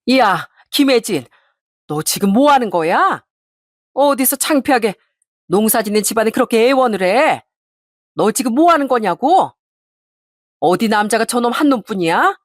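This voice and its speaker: A woman voicing a snobbish, furious middle-aged mother of the bride who scolds and shouts with contempt. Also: a little high, expressive, moderate pace, pauses often, no echo, studio quality. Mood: screaming scold.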